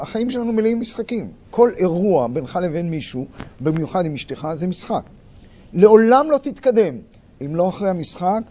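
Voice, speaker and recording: An older man leading a workshop, lecturing a group and acting out quarrels in sharp, loud bursts. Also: sits high. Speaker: workshop leader. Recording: muffled recording with faint background noise.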